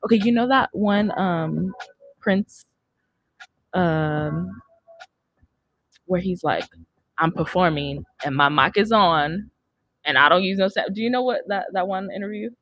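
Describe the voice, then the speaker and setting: A young woman hosts a casual, loosely improvised chat in an indoor podcast studio, speaking close to a studio mic on a boom arm. Her voice is lowish and a little slow, with long pauses. The recording is dry, with the highs cut off.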